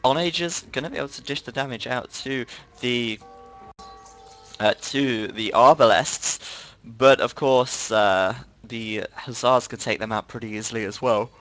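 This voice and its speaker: A man's voice: medium pitch, a little slow, fairly bright tone, poor audio. A tired man giving live play-by-play commentary on a strategy game, with frequent fillers. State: tired, yawning.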